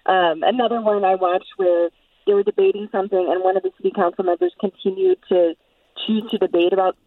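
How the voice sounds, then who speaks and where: A woman's voice: medium pitch, fast, no echo, far from the mic. Chatty woman caller on a phone line. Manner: chatty, animated, many fillers. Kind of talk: call-in radio talk. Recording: tinny phone line from afar.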